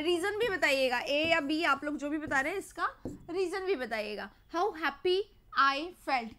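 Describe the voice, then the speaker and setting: Young indian woman running a live english class online, high bright voice, reads examples out slow. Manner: mixes Hindi and English, reads sentences slowly, quizzes viewers. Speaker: English teacher for competitive exams.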